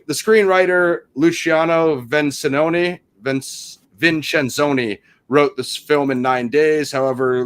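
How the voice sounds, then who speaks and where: Chatty man reading film trivia. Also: mid-range voice. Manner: reads trivia then riffs on it; chatty, many fillers like "you know". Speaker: podcast host. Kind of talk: casual film review chat.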